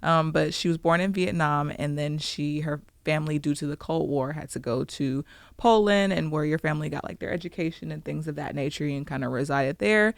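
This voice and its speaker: A woman's voice: low-pitched, a little fast, creaky, no room sound, studio quality. A woman hosting a podcast interview, upbeat and chatty, moving from a scripted intro into casual conversation. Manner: upbeat and chatty, laughs often. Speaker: podcast host. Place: studio set with a couch.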